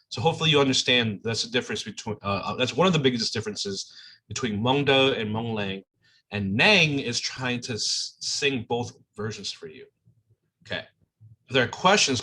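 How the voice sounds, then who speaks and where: Bright-voiced man explaining a clip to a class. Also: mid-range voice, slightly rough. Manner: talks in loose restarts and checks in with "okay?" and "all right?". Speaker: teacher presenting an online class. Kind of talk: casual explanatory commentary over a played clip.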